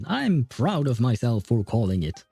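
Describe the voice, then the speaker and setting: This man is livestreaming a story game, thinking aloud and theorizing in a casual, informal way with some mild swearing. His mid-range voice swoops wildly in pitch, moves slowly, and sounds warm and slightly rough with vocal fry. The recording has a roomy echo with faint game music behind.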